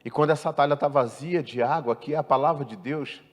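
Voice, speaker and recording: A male pastor preaching a sermon, asking the congregation questions and swinging from loud emphatic peaks to quiet endings. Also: a little high, a little fast. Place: church hall. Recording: church hall reverb.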